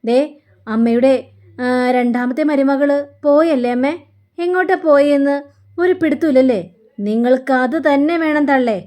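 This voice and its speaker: Taunting scheming young woman from a TV serial, voiced by a woman, high voice, slow cutting delivery, spiteful. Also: darkish tone, natural voice. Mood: scornful.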